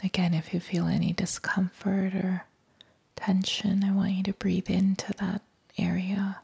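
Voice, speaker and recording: A woman whispering a guided body-scan meditation, softly and calmly leading the listener to breathe and let go. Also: mid-range voice, gravelly, husky. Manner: soft whispering throughout, calm and unhurried.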